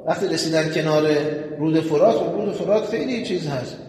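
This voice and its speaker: A man preaching a sermon, retelling a story with animation and calling on his listeners to pay attention. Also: a little high. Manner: addresses the audience directly, animated retelling. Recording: echoey hall with long reverb, faint noise.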